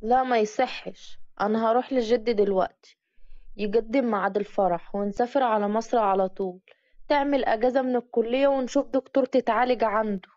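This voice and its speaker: A woman's voice: a little high, steady tone, a little fast, a little mellow, dry recording, close to an everyday voice. A woman voicing a devoted young village girl who talks earnestly and pleads. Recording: dull dry lo-fi recording.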